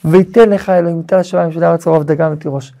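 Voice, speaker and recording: A man doing old Isaac, solemn and gravelly. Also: a little high, steady tone, dark tone. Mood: blessing. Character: Isaac, an old blind father giving blessings.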